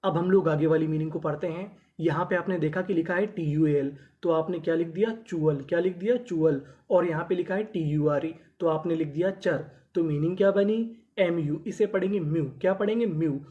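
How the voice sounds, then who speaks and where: A man teaching an English phonics lesson in Hindi. He asks questions, answers them himself, and sounds out letters slowly before blending them into words. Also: on the high side, warm tone, dull audio.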